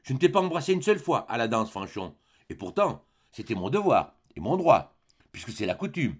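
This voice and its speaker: A man's voice: mid-range voice, big pitch swings, brisk, breathy edge. A man voicing an earnest young peasant man who talks eagerly and insistently in an audiobook.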